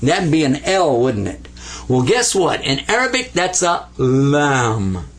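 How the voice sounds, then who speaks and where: Lively older man teaching letters. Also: a little high, moderate pace, husky. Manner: lively, playful, coaxing learners to repeat sounds. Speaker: Arabic teacher. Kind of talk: classroom letter lesson at a board.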